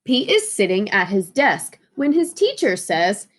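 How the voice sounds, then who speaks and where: A woman reading a children's storybook aloud in an expressive way, asking her young listeners questions. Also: mid-range voice, measured pace, a little hiss or hum. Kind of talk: children's storybook read-aloud with sing-along.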